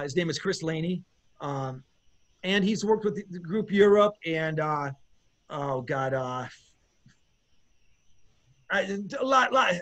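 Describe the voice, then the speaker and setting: A man, a bass player in an eighties rock band, chatting casually in an interview, rambling and searching for words with lots of restarts, enthusiastic about his music.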